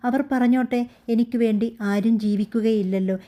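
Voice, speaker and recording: A woman voicing a hurt young wife who grows firm, speaking in a quiet, steady way. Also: on the high side, brisk, natural voice. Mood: resolute. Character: young wife, hurt but growing resolute.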